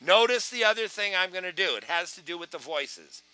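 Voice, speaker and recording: Animated, bright-voiced male sales trainer. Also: high voice, fairly quick, smooth, no echo, rough recording. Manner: animated, acts out phone calls. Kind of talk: live online training session.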